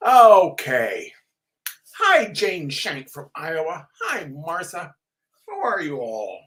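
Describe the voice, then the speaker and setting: A man hosting and reading on a livestream gives a casual, rambling introduction with shout-outs, adding theatrical, mock-grandiose flourishes. His fairly high, fairly bright voice moves slowly with huge pitch swings.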